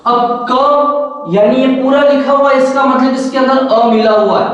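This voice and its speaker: A man's voice: extremely high pitch, fairly even intonation, normal speed, muffled recording. A man teaching a basic Hindi grammar lesson, asking questions and answering them himself, again and again. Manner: repetitive, asks questions then answers them. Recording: very echoey room, mic far off.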